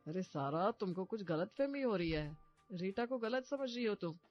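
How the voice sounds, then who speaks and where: A man playing a calm, reassuring brother in a storybook family drama. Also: sits high, normal speed, muffled recording, soft background music.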